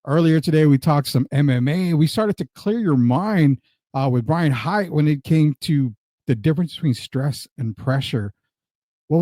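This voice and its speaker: An American man hosts a podcast, running through promotional patter and introducing his guest in an upbeat interview style. His voice is medium-pitched with a dark tone, recorded clean in a studio with no room sound.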